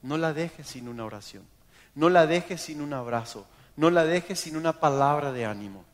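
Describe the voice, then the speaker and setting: A man with an Argentine accent preaching a sermon in church, telling stories in a lively way and acting out the people in them. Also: fairly high pitch, normal speed. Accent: Argentine Spanish. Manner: animated storytelling, acts out quoted voices. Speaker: pastor. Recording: long hall reverb.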